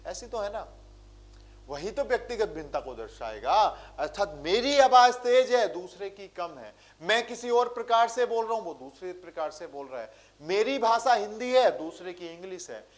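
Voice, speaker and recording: A man's voice: high voice, lively intonation, normal speed. A male teacher with a rural Hindi way of speaking, giving an exam-prep lecture and answering his own rhetorical questions. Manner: speaks with a village-style way of talking.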